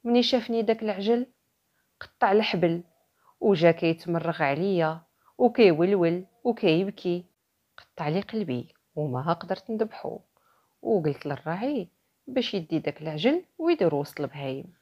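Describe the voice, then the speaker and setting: A woman narrator takes the part of an old sheikh in a folktale. The voice is fairly low with a Moroccan accent, earnestly recounting a sorrowful tale. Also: expressive, normal speed, pauses often, lo-fi sound. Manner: earnest, storytelling.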